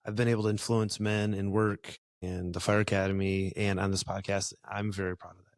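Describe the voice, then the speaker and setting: A man's voice: on the low side, level tone, fairly quick, no room sound, studio quality. Easygoing male podcast host. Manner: easygoing, filler-heavy speech with restarts. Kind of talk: casual conversation.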